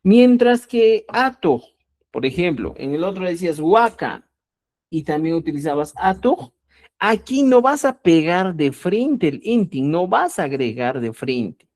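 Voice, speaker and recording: A woman teaching Quechua grammar in a lesson, speaking slowly and deliberately, repeating key words and often checking that listeners follow. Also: low-pitched, big pitch swings, a little mellow. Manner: addresses listeners as "estimados amigos". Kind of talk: explanatory online language lesson.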